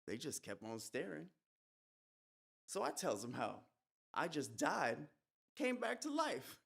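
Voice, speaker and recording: Eerie young male soldier back from the dead, a stage actor playing him, folksy rural dialect, lively swooping delivery, dramatic monologue. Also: medium pitch, slow pace, vocal fry, slightly rough, exaggerated voice. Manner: folksy storytelling with rural dialect, whispered hisses. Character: young male soldier who has come back from death, calm and eerie. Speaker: stage performer. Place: live event at an art museum.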